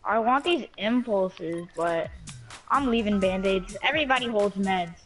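A man's voice: sits high, unhurried, a bit bright, soft background music. A male gamer chatting casually with friends during a match, laid-back and peppering his talk with slang. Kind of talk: casual gaming chat with friends.

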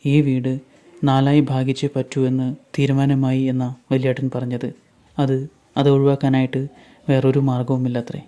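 A man voicing the lines of a troubled young husband in a retold serial story, speaking gravely. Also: medium pitch, monotone, normal speed, mellow, natural voice.

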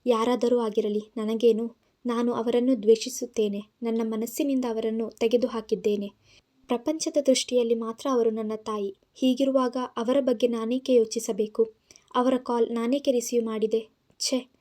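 A woman's voice: on the high side, level tone, moderate pace, mellow. A woman narrating an audio story in Kannada-accented speech, voicing the characters' lines herself.

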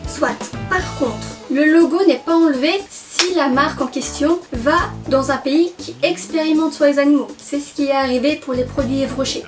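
Chatty woman vlogger, high voice, jokey asides, a bit far from the mic with music underneath. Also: normal speed, hardly any pauses. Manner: chatty, jokey asides, self-mocking English. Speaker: beauty vlogger. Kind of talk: casual explainer vlog.

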